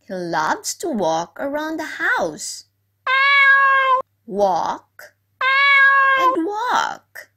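A woman's voice: sits high, huge pitch swings, extremely slow, long pauses, fairly bright tone. A woman teacher telling a story to young children, asking the class questions, repeating key words and praising their answers. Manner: praising, encouraging.

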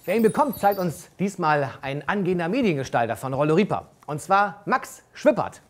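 A man's voice: a little high, big pitch swings, moderate pace. A middle-aged man hosting a prize draw as a jovial, upbeat giveaway announcer, chatty and scripted. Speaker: host of a company prize draw.

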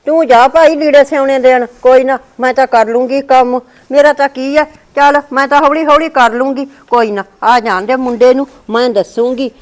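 A woman's voice: high-pitched, fairly even intonation, normal speed, hardly any pauses, lightly acted. A woman with a Punjabi accent playing a put-upon mother-in-law who grumbles about being overworked. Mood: complaining. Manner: plaintive, grumbling. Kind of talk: scripted family skit.

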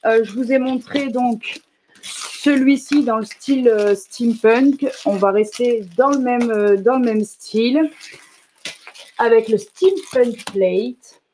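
A woman running a live shop presentation, chatty and enthusiastic, often filling pauses with little interjections. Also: a little high, dark tone, slight background noise. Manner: chatty, enthusiastic, fills pauses with "hop" and "euh". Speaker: shop owner presenting new products. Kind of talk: live product demonstration.

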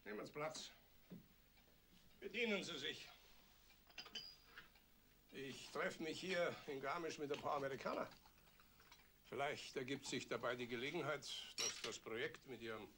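An actor playing a polite, ingratiating rich baron in a 1980s TV drama. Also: male voice, mid-range voice, lively intonation, moderate pace, pauses often, noisy background, natural voice. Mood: smooth. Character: smooth, condescending rich baron.

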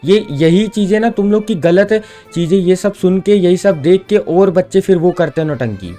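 Scolding young man, higher voice. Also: normal speed, warm tone, soft background music. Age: young adult. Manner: scolding, repeats "bhai" and "yaar". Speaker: gaming vlogger. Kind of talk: casual scolding chat on a call.

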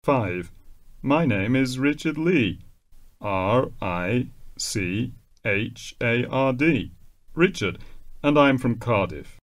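A man reads a short scripted self-introduction for a listening exercise. He speaks slowly and spells out a name letter by letter. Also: medium pitch, animated. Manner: slow, spells out names letter by letter. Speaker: exam recording reader.

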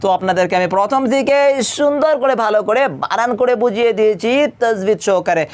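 A Quran teacher works through a tajweed lesson, spelling out each letter and vowel mark before reciting the verse in long, drawn-out tones. The voice sits at a middle pitch and sounds smooth and clear. The teacher keeps asking the listeners questions and then answering them.

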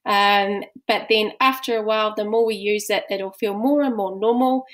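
A woman's voice: mid-range voice, fairly even intonation, normal speed, a bit bright. A woman with a New Zealand accent teaching a recorded language course, explaining patiently step by step.

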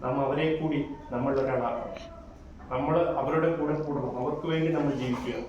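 A man playing a kind, earnest schoolteacher who coaxes his pupils gently and then lectures them on right and wrong, recorded from a distance in a very echoey room. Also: medium pitch, fairly even intonation, normal speed, muffled recording, a little hiss or hum, natural voice. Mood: consoling, preachy. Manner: gentle, coaxing, moralizing. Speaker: teacher. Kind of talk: amateur short-film acting. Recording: echoey room, mic far off.

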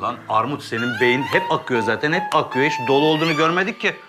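A man playing an exasperated young son, sarcastic, fast talk, music behind. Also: medium pitch, expressive, natural voice. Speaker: barber's son. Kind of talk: sitcom acting.

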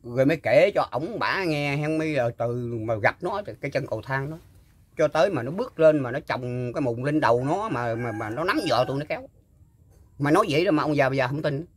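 An older man, recalling a story in casual talk and pausing often with fillers and repeated words. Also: mid-range voice, expressive. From Mekong Delta, Vietnam. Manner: halting, full of fillers and repeats. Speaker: guest storyteller. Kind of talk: casual spoken recollection.

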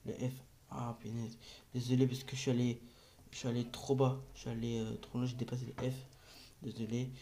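A man's voice: mid-range voice, little pitch movement, fairly quick, warm tone. A man hosting a casual gaming tutorial vlog, hesitant and rambling, with many fillers and restarts, recorded on a phone. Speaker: gaming video host.

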